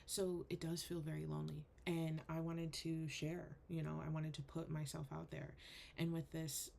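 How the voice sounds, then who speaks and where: A young woman and spiritual coach telling a painful personal story in an earnest, halting way, full of "like". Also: low voice, flat delivery, gravelly, darkish tone, a little hiss or hum.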